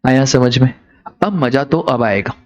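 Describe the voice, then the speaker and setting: A man teaching a class, lively and teasing, telling joking stories and acting out the characters. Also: medium pitch, a little slow.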